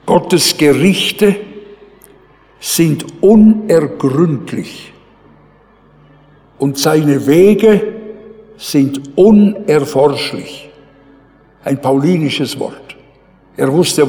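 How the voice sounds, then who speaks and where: A man preaching a sermon in a slow, emphatic way, pausing often and swinging his pitch widely between low and high. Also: a little mellow, in a large hall.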